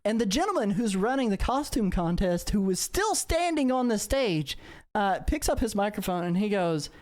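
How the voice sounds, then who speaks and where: A woman's voice: medium pitch, sing-song, a little mellow. A woman narrating a tabletop game as game master, with many fillers and restarts. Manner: filler-heavy, halting narration.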